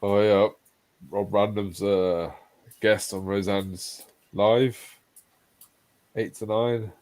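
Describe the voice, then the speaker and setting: In a rough recording without echo, a fortysomething host with a fairly low, darkish voice draws out his words with fairly even intonation. He banters on a casual live stream, reads out viewers' chat messages, and laughs often at their jokes.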